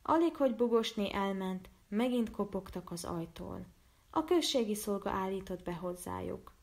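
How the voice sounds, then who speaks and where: A woman narrating a storybook in an even, measured reading voice. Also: medium pitch, vocal fry. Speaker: storyteller and illustrator.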